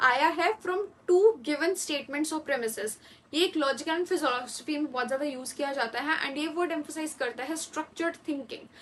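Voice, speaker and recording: A woman teaching exam vocabulary, reading English definitions slowly and explaining them quickly in mixed Hindi and English. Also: high voice, fairly bright tone, recorded from a distance, slight background noise, poor audio. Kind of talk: exam-prep vocabulary lesson.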